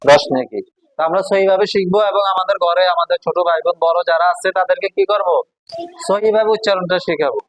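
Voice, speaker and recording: A Quran teacher from Bangladesh patiently drills a class on letter sounds in a call-and-response style, quizzing the students as he goes. The voice is mid-range and fast, and the audio quality is poor.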